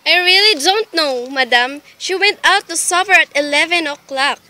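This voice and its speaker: A woman's voice: high-pitched, moderate pace, bright, forceful tone. A woman playing a polite, formal hospital switchboard receptionist in a radio play. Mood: calm, puzzled. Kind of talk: dramatic radio play acting.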